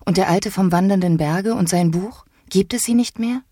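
A woman voicing a hesitant, curious young boy in a whispered role-play, with a hushed, breathy voice. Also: mid-range voice, normal speed, dry recording, studio quality, pitched above the performer's own voice, natural voice. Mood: wondering.

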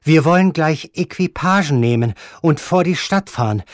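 A man voicing a flustered, fawning gentleman in an audiobook, stammering with a trembling voice. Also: a little high, lively intonation, moderate pace, no room sound, studio quality, pitched above the performer's own voice, natural voice. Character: flustered French gentleman, ingratiating. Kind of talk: audiobook reading.

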